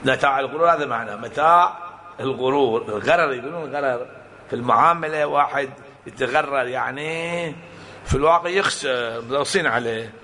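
Animated preacher, bright voice. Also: male voice, medium pitch, brisk, slight background noise. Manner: animated storytelling with acted-out quotes and rhetorical questions. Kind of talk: sermon to a congregation.

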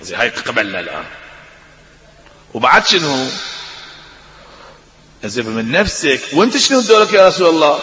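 Male preacher, higher voice, impassioned and rhetorical, lo-fi echoey hall recording. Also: sing-song, pushed and bright. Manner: impassioned, rhetorical questions, slow drawn-out recitation of verses. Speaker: Shia preacher. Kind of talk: sermon. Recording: echoey hall, dull lo-fi sound.

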